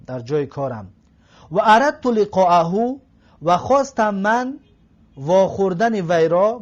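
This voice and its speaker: Guy with a high voice giving an arabic grammar lesson, goes over every phrase again word by word, kinda muffled lo-fi audio. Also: a little mellow. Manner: repeats each phrase, translating word by word. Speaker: Arabic teacher. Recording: slightly dull lo-fi recording.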